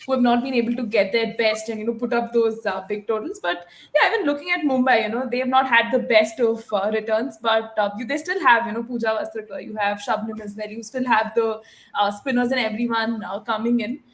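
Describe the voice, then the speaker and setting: A young woman co-host breaks down the game in a casual, thoughtful way. Her voice sits a touch high, and she fills pauses with "uh" and "you know" as she works through her points. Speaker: cricket watchalong co-host and analyst. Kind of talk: casual cricket analysis.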